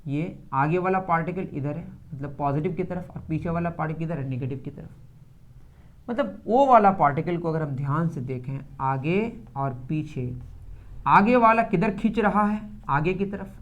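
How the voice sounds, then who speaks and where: A man's voice: fairly high pitch, animated, normal speed, dull audio. A man with an Indian accent teaching a physics lesson, who asks his students questions and then answers them himself. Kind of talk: classroom lecture.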